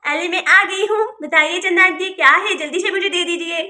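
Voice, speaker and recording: A woman's voice: extremely high pitch, normal speed, pushed and bright, full character voice. A woman voicing an eager, pushy young girl doll in a doll cartoon, talking insistently. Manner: insistent, pleading.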